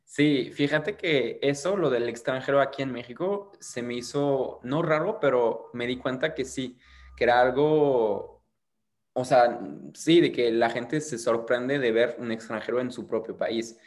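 A young man from France, a content creator, is a guest in a casual conversational interview. His mid-range voice moves at an unhurried pace, and he rambles and hesitates, restarting his sentences a lot.

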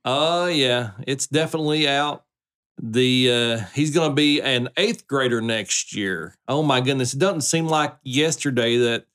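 A man's voice: mid-range voice, fairly bright tone. A middle-aged man hosting a casual podcast with his son, talking in a folksy, joking way. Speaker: podcast host, dad.

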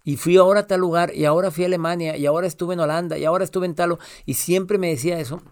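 A man's voice: a little high, fairly even intonation, rapid-fire, smooth. A middle-aged man, a father talking tenderly on a podcast and acting out phone calls. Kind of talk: emotional podcast chat.

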